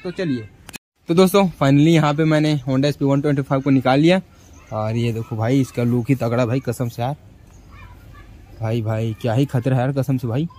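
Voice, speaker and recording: A man's voice: mid-range voice, mellow. A young man vlogging casually to his viewers, filming himself with a phone at arm's length outdoors in the countryside. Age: young adult. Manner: chatty, addresses viewers as friends and brothers. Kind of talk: casual vlog. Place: outdoors, rural fields and village lanes.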